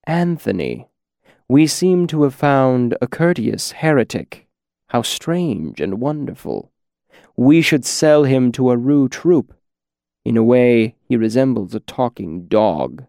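A man voicing a cold, pious male church justice who speaks softly and slowly with false regret in a storybook reading. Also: mid-range voice, big pitch swings, vocal fry, dry recording, studio quality, heavily acted. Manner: soft, slow, mock-regretful.

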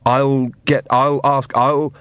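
A man's voice: mid-range voice, level tone, slow pace, a bit bright, clear, resonant tone, no echo. A man voicing a nervous young priest who stammers. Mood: timid. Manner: stammering, timid. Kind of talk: audiobook character voice.

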